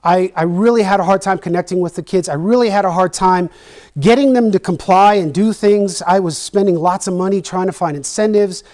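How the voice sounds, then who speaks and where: A man's voice: high-pitched, fairly quick, a little mellow. A middle-aged man from Texas, an educator telling a personal story in a presentation, earnest and emotional, repeating phrases for emphasis.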